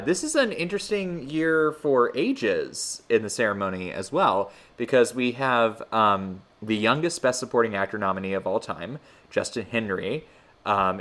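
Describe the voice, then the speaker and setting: A man with a fairly low voice hosts a podcast. He chats casually and rambles, often hesitating as he finds his way through a thought. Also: sharp tone. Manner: hesitant, rambling, filler-heavy. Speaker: podcast host. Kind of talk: casual film-history chat.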